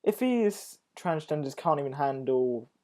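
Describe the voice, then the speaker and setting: A man's voice: on the high side, lively intonation, measured pace, dark tone. A man hosting a casual interview, often stumbling and repeating his words. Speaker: host.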